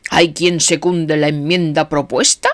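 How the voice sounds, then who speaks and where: A woman reading the part of a cold, brisk male chairman who speaks with formal, mechanical precision. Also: low voice, little pitch movement.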